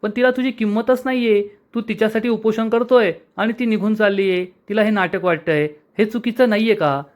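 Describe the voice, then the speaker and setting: A man's voice: high voice, fairly quick, voice pushed up, close to an everyday voice. A man reading the lines of a bossy older sister who reproaches the bride. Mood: reproachful.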